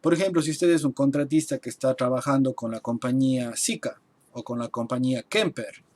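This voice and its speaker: A man teaching a live online class at his computer, explaining and translating terms slowly and step by step, with typing heard behind him. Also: mid-range voice, a little mellow. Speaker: architect teaching construction English. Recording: faint noise and keyboard typing. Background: keyboard typing.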